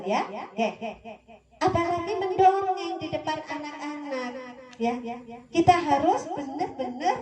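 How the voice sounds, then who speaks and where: A woman teaching mothers how to tell stories, playful and animated, laughing often as she explains. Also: high voice. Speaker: storytelling trainer. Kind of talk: workshop talk to mothers. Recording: echoey hall with a crowd.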